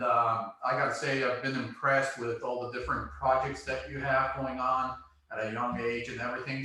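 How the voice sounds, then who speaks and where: A male podcast host chats casually in a medium-pitched, pushed and bright voice, laid-back and self-deprecating, laughing easily. He's far from the mic in a very echoey room, with faint noise in the recording.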